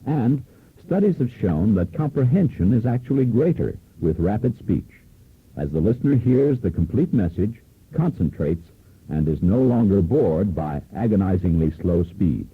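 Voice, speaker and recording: A man's voice: lowish voice, big pitch swings, normal speed, breathy edge, phone-quality sound. A man giving scripted promotional narration for a product demo, heard from an old, worn cassette tape copy from the early 1970s.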